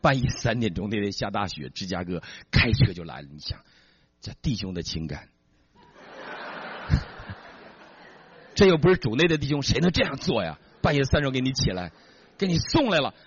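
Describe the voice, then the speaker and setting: A man giving a sermon-style testimony, telling his story in an animated, dramatic way on a dull recording. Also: medium pitch, normal speed, long pauses, slight background noise.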